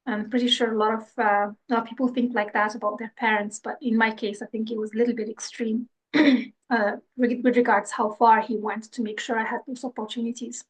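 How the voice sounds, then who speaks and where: A woman's voice: on the high side, level tone, brisk, low-quality recording. A woman from Morocco in her thirties, a scientist speaking as a podcast guest, talking thoughtfully with frequent fillers and restarts. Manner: hesitant, many restarts and fillers. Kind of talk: conversational interview.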